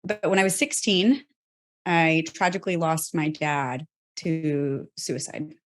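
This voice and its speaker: Low-voiced woman sharing an earnest story. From South Texas. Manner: earnest, pausing and restarting on hard memories. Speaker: healthtech company co-founder, guest. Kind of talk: candid personal interview.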